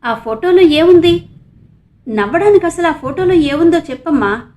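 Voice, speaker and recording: A woman's voice: high voice, expressive, unhurried. A woman voicing a young male reporter who comforts his younger sister with concern. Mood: coaxing. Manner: eager, concerned, soothing. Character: young male reporter, protective elder brother. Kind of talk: audiobook character reading.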